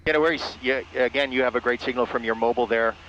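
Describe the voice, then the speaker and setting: In the cockpit of a small plane mid-flight, a pilot and ham radio operator narrates and makes brisk procedural radio calls through his headset. His medium-pitched voice is a bit bright, fairly even, and quick. Engine noise from the light aircraft muffles the radio audio.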